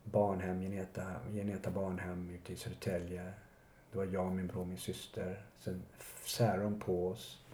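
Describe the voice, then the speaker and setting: A man telling his life story in an interview, halting and reflective with many pauses. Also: sits low, level tone, dark tone. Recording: echoey room with faint noise.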